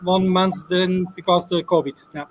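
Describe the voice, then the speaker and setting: High-voiced Austrian chef, flat delivery. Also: male voice, moderate pace, a little hiss or hum, rough recording. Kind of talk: online panel introduction.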